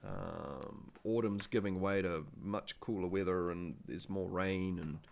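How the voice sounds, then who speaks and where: This livestream host, a man with a Kiwi accent, speaks in a deep, gravelly, slightly mellow voice. He talks casually into a desk microphone, stumbling through restarts and lots of filler words as he wanders from point to point.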